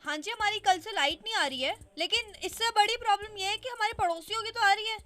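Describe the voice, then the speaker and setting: A woman's voice: extremely high pitch, quick pace, fairly bright tone, faint music behind. A woman on a radio prank call, playing a nagging, indignant wife. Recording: noisy background.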